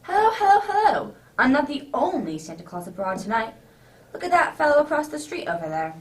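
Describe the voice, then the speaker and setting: A woman plays a jovial, easily flustered gentleman doctor in a radio play. The voice sits fairly high and swings widely, full of polite exclamations. It is picked up at some distance from the mic. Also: very animated, brisk. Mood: excited. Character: jovial, flustered male doctor in a Santa suit. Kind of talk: amateur radio drama acting.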